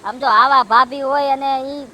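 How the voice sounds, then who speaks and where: A man's voice: very high voice, fairly even intonation, moderate pace, background noise. A man playing a sympathetic village friend in a comedy sketch, with a Saurashtra Gujarati accent and a coaxing, reassuring manner. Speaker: husband's friend.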